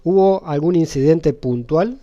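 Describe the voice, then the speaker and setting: Slow, mellow-voiced male host. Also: on the high side, muffled recording. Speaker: channel host, interviewer. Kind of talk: casual interview.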